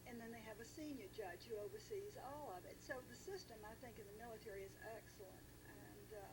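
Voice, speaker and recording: An American woman talking casually about politics in a deliberate, measured way with pauses, on a noisy recording. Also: medium pitch, expressive.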